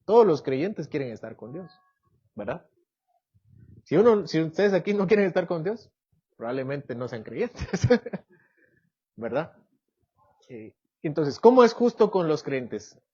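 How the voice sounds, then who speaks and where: In a muffled recording, a male Bible teacher with a fairly high, sing-song, mellow, husky voice leads a church doctrine class. He talks slowly with long pauses, questioning the class and acting out everyday scenarios in quoted voices.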